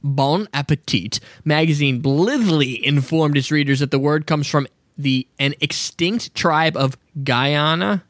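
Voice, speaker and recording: A man's voice: fairly high pitch, unhurried, fairly bright tone, no echo, clean studio sound. A man hosting a casual chat, reading facts aloud with joking asides and frequent laughs. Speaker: podcast host.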